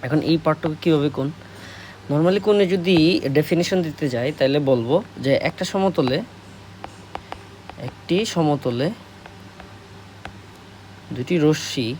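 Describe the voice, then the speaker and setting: A man with a Bangladeshi Bengali accent tutoring a math class, speaking slowly, repeating key words and answering his own questions. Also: on the high side, a little mellow, a little hiss or hum. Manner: slow, repetitive, asks questions and answers them. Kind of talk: classroom lesson explaining at a board.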